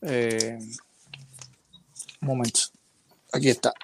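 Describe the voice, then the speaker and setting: Un hombre que debate sobre religión por videollamada, con preguntas pausadas y algunas muletillas. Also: male voice, medium pitch, fairly even intonation, a little hiss or hum. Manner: questioning, measured, with hesitant fillers.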